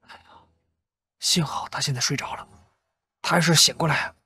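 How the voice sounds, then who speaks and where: An actor playing a sly male prisoner in a costume TV drama, teasing a newcomer in a hushed, conspiratorial way. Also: fairly high pitch, steady tone, moderate pace, slightly rough, no echo, full character voice. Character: sly male prisoner spinning scary tales. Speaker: cellmate.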